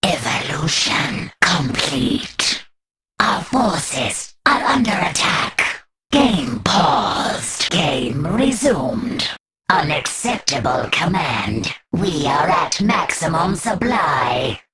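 A woman playing a menacing alien insect hive queen as a video game announcer, cold and imperious with a breathy, hissing, deliberate delivery. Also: low-pitched, big pitch swings, a bit bright, exaggerated voice. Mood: urgent alarm. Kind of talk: video game announcer alerts, short scripted lines.

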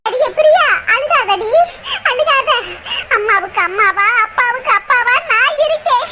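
A woman's voice: very high-pitched, expressive, unhurried, background noise. A woman voicing a caring older sister in a cartoon, firm but tender, in a southern Tamil Nadu accent. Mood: consoling. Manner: scolding yet tender, lamenting. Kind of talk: cartoon voice acting.

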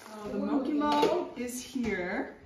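A woman's voice: high-pitched, takes it slowly, noisy background. A woman vlogging casually at a home dinner table, chatting in a rambling way with lots of fillers. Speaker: cooking vlogger. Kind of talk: casual chat. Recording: clattering dishes at a family meal. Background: clinking dishes and cutlery.

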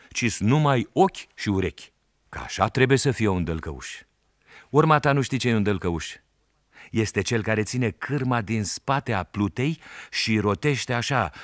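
A man voicing a cheeky, quick-witted village schoolboy, a raftsman's son, with playful sing-song calls. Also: mid-range voice, no echo, clean studio sound, voice pushed up.

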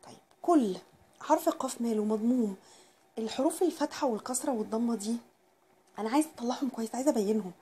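Husky Egyptian woman teaching recitation. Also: on the high side, warm tone. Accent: Egyptian Arabic. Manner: explains patiently, then recites words slowly and drawn out. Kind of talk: Quran recitation lesson.

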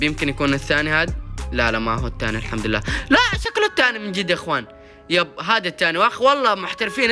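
A young man talks through his gameplay at a rapid clip in a high, sharp, very bright voice. He chatters excitedly, slipping into sing-song cheers and groans. Faint music plays behind him. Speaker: gaming YouTuber. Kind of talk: gameplay commentary.

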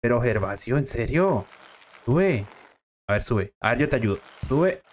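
A man voicing a calm father who keeps reassuring his son in a slow, low voice. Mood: soothing. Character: calm soothing father Roberto.

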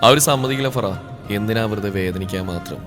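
A man voicing a protective young man who talks to his cousin in a steady, serious way. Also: lowish voice, a little fast, voice pushed down, close to an everyday voice. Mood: earnest. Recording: reverberant room with background music.

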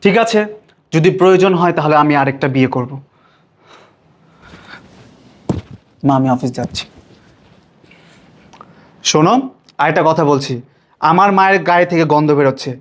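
A man's voice: a little high, fast, pauses often, natural voice. A man playing a stern young husband who scolds his wife for neglecting his sick mother in a short-film drama. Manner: commanding, scolding.

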